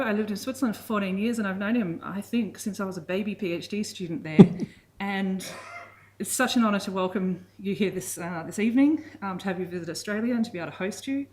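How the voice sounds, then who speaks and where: A woman hosting a public lecture, giving a warm, admiring introduction of the guest speaker with small fillers. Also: lowish voice, poor audio. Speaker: event host. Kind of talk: formal introduction.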